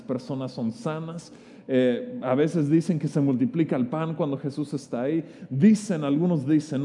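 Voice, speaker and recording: A man's voice: fairly high pitch, mellow. A man preaching a sermon, retelling the story vividly with stammered restarts. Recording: long reverb of a hall.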